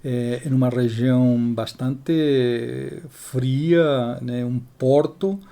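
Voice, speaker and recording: Mellow-voiced older man from Chile. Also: medium pitch, fairly even intonation, vocal fry. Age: 60s. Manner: measured, leans on frequent tag questions. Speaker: guest. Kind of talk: storytelling in an interview.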